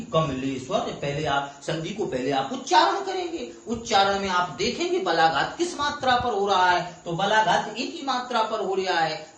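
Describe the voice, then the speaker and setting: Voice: mid-range voice, a bit bright. A teacher explaining a grammar lesson step by step, patiently repeating the key terms. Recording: very echoey room.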